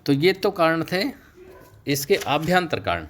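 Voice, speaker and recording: Man giving a steady lecture. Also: a little high. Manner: steady explanatory delivery, slows to stress key terms. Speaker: Sanskrit teacher. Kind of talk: recorded online lecture.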